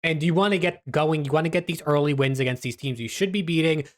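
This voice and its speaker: A man with a slightly high voice hosts a casual esports recap. His speech is a little restricted, as he has stitches in his mouth after dental surgery. He talks through team form and player numbers in an informal commentary style. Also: fast. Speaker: esports recap video host. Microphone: webcam video setup.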